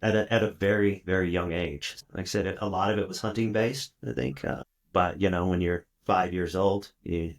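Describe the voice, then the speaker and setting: A middle-aged South Texas man appears as a guest in a casual storytelling interview on a podcast. His very low voice keeps a fairly even intonation at a moderate pace, and his stories ramble loosely, full of fillers and restarts.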